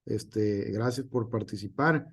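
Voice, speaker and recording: A man's voice: lowish voice, slow, slightly rough. A male teacher gives an online class, with frequent hesitations and filler words.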